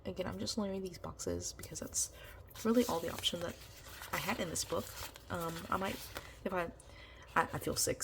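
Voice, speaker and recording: Against a noisy background, a woman with a fairly low voice and vocal fry chats casually as she decorates her planner. This vlogger is sick, nasal from congestion, and her voice is giving out. She rambles in a chatty plan-with-me style, full of ums and you-knows.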